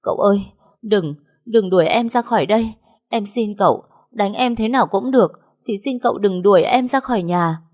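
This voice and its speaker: A woman's voice: medium pitch, moderate pace, a little mellow, voice pushed up, close to an everyday voice. A woman voicing a scheming young maid who wails and begs. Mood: pleading. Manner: wailing, begging.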